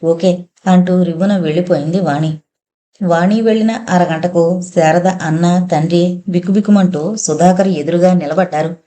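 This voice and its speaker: A woman narrating a full-length novel in a steady storytelling manner, as an audiobook reader. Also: on the low side, moderate pace.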